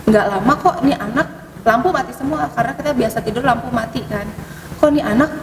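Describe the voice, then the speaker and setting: A woman recounts eerie events in relaxed conversation, hesitant and full of fillers, her pitch jumping up as she talks. Her fairly high voice sounds distant from the mic, carried in a long, echoing hall, with clear background noise. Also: brisk. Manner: hesitant, many fillers, sudden rises in pitch. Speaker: podcast guest telling ghost stories. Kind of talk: casual storytelling conversation.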